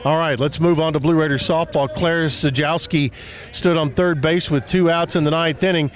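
A man's voice: fairly high pitch, fairly even intonation, normal speed, over music. A man hosting a local radio sports report, reading scores and schedules in an announcer's delivery.

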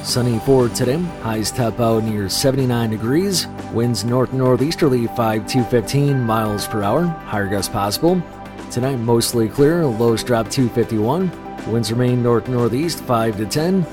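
A man's voice: medium pitch, normal speed. Male weather announcer, mid-range voice, clipped scripted delivery over a prominent music bed. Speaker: weather forecaster. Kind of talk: scripted radio weather forecast.

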